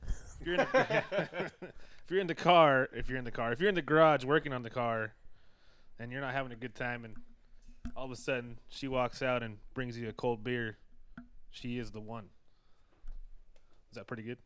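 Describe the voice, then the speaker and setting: A man's voice: mid-range voice, normal speed, pauses often, a bit bright, clear, resonant tone, no echo. A man guesting on a podcast, joking in a folksy way. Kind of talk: casual chat.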